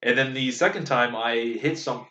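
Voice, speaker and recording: A young man with a mid-pitched voice rambles through a story, full of fillers. He sounds like he is in a roomy space, and the recording is dull and lo-fi. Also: moderate pace, sharp tone. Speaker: podcast co-host. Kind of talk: casual chat.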